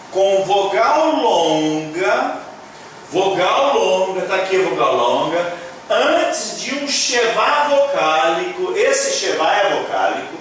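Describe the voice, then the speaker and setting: A Hebrew teacher lectures at a board in a slow, deliberate way, his fairly high, fairly bright voice swinging widely up and down as he repeats each key word. He checks in with "tá?" and "certo?" and encouragingly calls viewers "minha gente." The distant mic puts him well back in a very echoey room with faint background noise.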